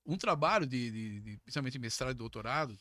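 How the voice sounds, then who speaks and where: A middle-aged man telling a story as a podcast guest, casual and lively, jumping up in pitch whenever he quotes someone. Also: fast talker, no room sound, clean studio sound. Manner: animated, jumps to high pitch when acting out quoted speech.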